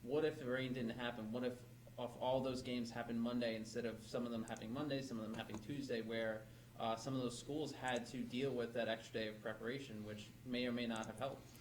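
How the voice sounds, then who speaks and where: A man's voice: medium pitch, level tone, fast, a little hiss or hum. Distant, echoey male co-host. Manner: thoughtful, poses questions. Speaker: radio show co-host. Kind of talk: casual radio sports chat. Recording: echoey, distant studio mic.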